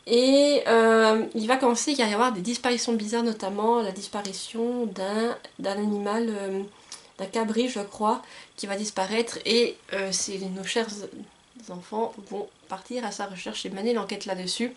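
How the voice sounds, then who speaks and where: A woman's voice: mid-range voice, steady tone, normal speed, a little hiss or hum. A young woman giving casual book recommendations to camera, chatty and hesitant with frequent fillers and self-corrections. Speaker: book vlogger. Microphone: camcorder microphone.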